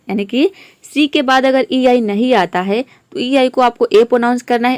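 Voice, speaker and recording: A woman's voice: on the high side, no echo. Patient woman teaching English spelling rules. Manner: patient, spells words letter by letter. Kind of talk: explaining pronunciation rules step by step.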